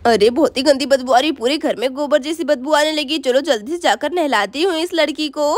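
Brief: woman playing a harried village mother in a storybook doll tale; scolding but fond, talking fast. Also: high-pitched, pitched below the performer's own voice, close to an everyday voice. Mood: hurried. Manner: scolding, hurried.

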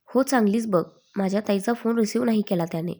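A woman's voice: medium pitch, quick pace, dark tone, lightly acted. A woman reading a story aloud, voicing a playful, cheeky young man who jokes with his family. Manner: joking, cheeky.

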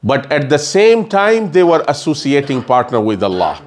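A middle-aged religious scholar with a rather high, very animated voice speaks at a normal pace during a sermon lecture featuring Quran recitation. Inside a mosque lecture room, he addresses a stand mic on a table, earnestly explaining, repeating phrases and gesturing.

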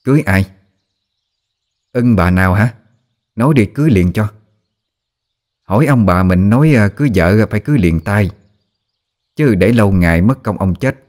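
A man voicing a sharp-tongued middle-aged village wife, mocking and scolding. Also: on the low side, expressive, moderate pace, long pauses, natural voice.

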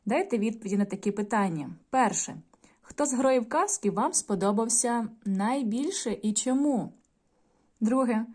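A woman teacher in a video lesson, reading a folk tale aloud and addressing the children in a clear, measured storytelling manner. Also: on the high side, expressive, darkish tone. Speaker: primary school teacher.

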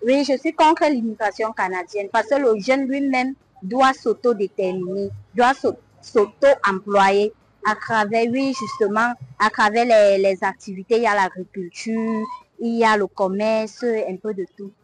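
Higher-voiced young woman. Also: soft background music, low-quality recording. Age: young adult. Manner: halting, with restarts. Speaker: street interviewee. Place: outdoors, street. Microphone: lapel.

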